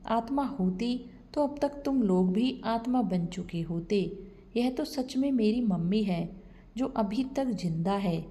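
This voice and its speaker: An angry young husband, as a woman storyteller puts him on, accusing and mocking his wife. The voice is mellow and unhurried. This is a storybook reading. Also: mid-range voice, lively intonation.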